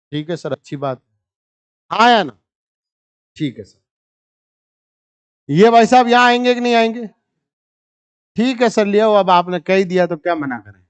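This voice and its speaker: Dull audio captures a man with a high, clear, resonant voice lecturing a live chemistry class. He jokes around with his students, solving each problem step by step while calling on them for answers.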